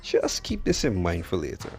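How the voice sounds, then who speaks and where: A man's voice: low voice, huge pitch swings, normal speed, darkish tone, soft background music. A man narrating a sarcastic movie review in a blunt, mocking, slangy way.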